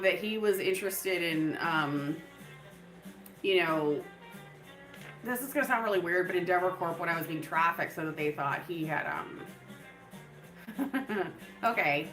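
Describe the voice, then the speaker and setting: Her voice lowish yet bright and forceful, a woman livestream host rambles loosely, filling her speech with fillers and bursting into laughter. The recording is rough, with an echoey room.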